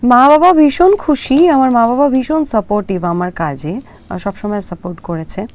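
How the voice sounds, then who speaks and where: A young woman from Kolkata with a Kolkata Bengali accent, answering interview questions hesitantly, with drawn-out fillers and English words dropped in. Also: fairly high pitch, darkish tone, slight background noise. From Kolkata, India. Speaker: actress guest.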